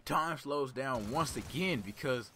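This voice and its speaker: A young man telling a personal story in a casual, rambling way, with a calm, laid-back, serious delivery. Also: medium pitch, measured pace, a little hiss or hum.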